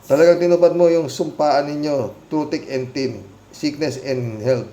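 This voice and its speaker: A man's voice: fairly high pitch, steady tone, unhurried, warm tone. A man hosting a casual commentary show, reading out viewer comments with sarcastic, mocking remarks and frequent laughter. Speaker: commentary channel host. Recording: roomy echo.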